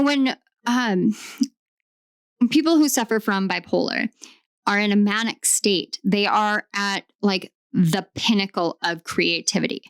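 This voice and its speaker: A woman in the middle of a channeled tarot reading, her voice smooth and clear. She talks with eager enthusiasm, piling up "like" as she gropes for the right words. The sound is dry and close, with no room around it. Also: medium pitch, no echo. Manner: enthusiastic, searching for words, many "like" fillers. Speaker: tarot reader.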